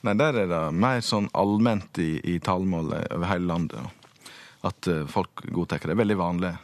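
A male linguist being interviewed, explaining patiently and pausing often to find his words. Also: low voice, no echo. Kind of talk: radio interview.

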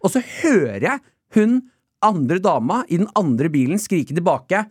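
A man with a husky, slightly breathy voice tells an animated story in a casual radio chat. His pitch swings widely as he laughs through it. The sound is dry and close. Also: no echo. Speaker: guest storyteller.

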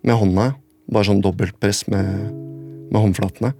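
Low gravelly man recounting haltingly. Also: fairly even intonation, a little mellow, faint music behind. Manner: halting, repetitive, strings clauses together with "and then". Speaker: interviewee recounting a personal event. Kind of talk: spoken recollection in a radio documentary.

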